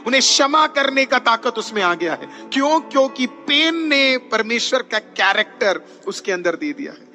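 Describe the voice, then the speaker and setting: A man's voice: extremely high pitch, very animated, normal speed, pushed and bright, soft background music. A male pastor preaching a sermon, punctuating his points with frequent hallelujahs and slipping English words into his talk. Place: church.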